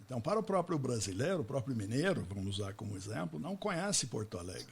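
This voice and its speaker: Chatting in Portuguese, this American podcast host, a native English speaker, keeps a casual interview going and often adds tag questions. He talks fast in a husky mid-range voice with vocal fry and big pitch swings.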